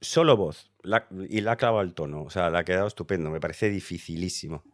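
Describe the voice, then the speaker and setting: This man from Spain runs a Eurovision reaction channel and talks excitedly and casually about a contest entry, restarting and using fillers. He has a deep voice, talks fast, and there's no room sound.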